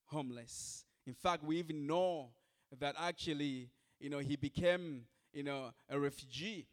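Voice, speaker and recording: A male pastor delivering a sermon in a slightly higher-than-usual voice. He speaks in short, repeated phrases and turns often to the congregation with direct questions. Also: a little slow.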